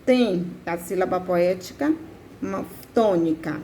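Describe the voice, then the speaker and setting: A woman teaching a literature lesson, explaining slowly step by step and often checking that her students follow. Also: on the low side, warm tone, slight background noise. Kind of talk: classroom lesson.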